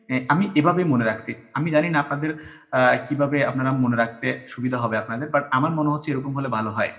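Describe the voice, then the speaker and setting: Patient man counting strokes, lo-fi. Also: a little high. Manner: patient, counts strokes aloud and spells syllables out. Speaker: Japanese teacher. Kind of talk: step-by-step writing lesson. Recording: dull lo-fi recording.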